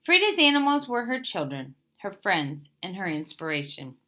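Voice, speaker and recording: Reading a children's picture book aloud, a woman with a medium-pitched, sharp-toned voice tells the story at normal speed and very animatedly. She lifts the start of each phrase expressively and lets her sentences settle at the end.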